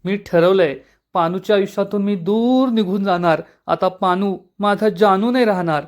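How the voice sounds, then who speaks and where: A man's voice: sits high, normal speed, lightly acted. A man voicing a tearful, melodramatic young wife.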